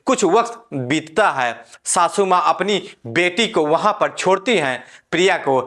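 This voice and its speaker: Man narrating a story, somewhat high voice. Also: a bit bright. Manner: plain retelling with many spoken fillers.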